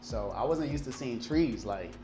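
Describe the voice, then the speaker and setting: Male guest, 30s, Liberian-born, lively anecdotal delivery; roomy recording with music bed. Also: medium pitch, moderate pace. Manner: animated storytelling, frequent fillers and restarts. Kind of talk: casual interview. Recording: roomy sound with music underneath.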